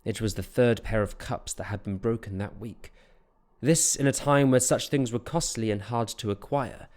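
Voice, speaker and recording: A man narrating a fantasy audiobook in a steady, measured storytelling voice. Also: fairly low pitch.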